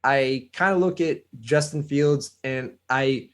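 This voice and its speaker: A man's voice: medium pitch, slow pace. A man co-hosting a casual sports podcast, breaking down a football draft and weighing both sides. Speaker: podcast co-host.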